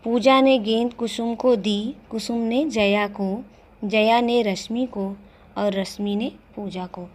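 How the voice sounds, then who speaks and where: A woman schoolteacher giving a recorded Hindi grammar lesson to young children, speaking slowly and patiently and asking them simple questions. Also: a little high, steady tone, a little mellow. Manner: slow, patient, addressing children directly with questions. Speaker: primary school teacher.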